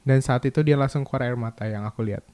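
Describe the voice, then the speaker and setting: Young guy rattling off a heartfelt story quick, mid-pitched voice. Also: a little mellow. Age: young adult. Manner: emotional, rushed storytelling. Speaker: guest telling a personal story. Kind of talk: casual confessional chat.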